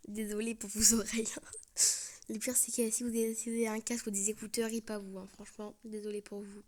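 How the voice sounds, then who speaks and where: A woman's voice: a little high, little pitch movement, fast talker, darkish tone, slight background noise. Chatty young woman gaming, slipping into whispers. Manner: chatty, often drops to a whisper, playful with characters. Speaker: gaming video creator. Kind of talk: casual let's-play commentary.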